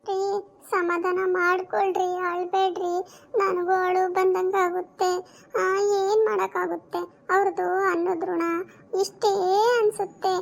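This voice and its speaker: A woman's voice: very high voice, little pitch movement, unhurried, creaky, exaggerated voice. A woman playing a young, newly married wife who is hard of hearing and laments melodramatically in a comic skit. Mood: wailing grief.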